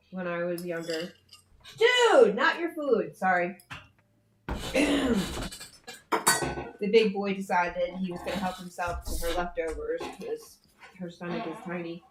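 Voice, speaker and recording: Hoarse, blunt woman chatting in an echoey room. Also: lowish voice, measured pace, pauses often, a little hiss or hum. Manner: blunt, swears freely, rambling with fillers. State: hoarse, scratchy throat. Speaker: co-host on a livestream. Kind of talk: casual chat.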